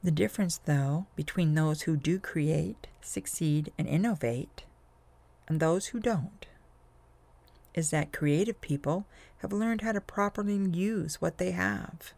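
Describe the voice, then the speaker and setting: Slow, gravelly-voiced man guiding hypnosis. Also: on the high side, no room sound. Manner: slow, soothing, drawn-out phrasing with soft whispered stretches. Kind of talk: guided hypnosis script.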